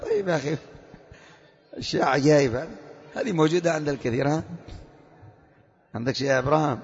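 A man teaching a religious lesson, quizzing his students by name and asking quick questions in a lecture style. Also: a little high, big pitch swings, husky. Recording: muffled hall recording with long echo.

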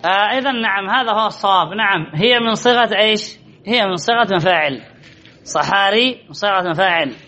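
A man's voice: high-pitched, brisk, sharp tone, highs cut off. A man teaching Arabic grammar to a class, quizzing students and repeating key phrases. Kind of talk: classroom lesson with questions to students.

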